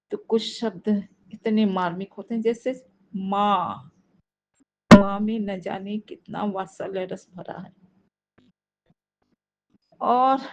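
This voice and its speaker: Woman, devotional talk, slow and measured, reflective, muffled lo-fi sound. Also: medium pitch, a little mellow, a little hiss or hum. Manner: measured, reflective, explains with examples. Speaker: devotee speaking at a satsang. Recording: dull lo-fi recording.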